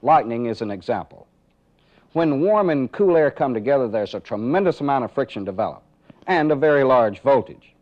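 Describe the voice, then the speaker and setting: In dull, band-limited 1980s training film audio, a man speaks at normal speed in a mid-range voice with lively intonation. Acting as the film's instructor, he methodically narrates a live demonstration, explaining each step and raising rhetorical questions.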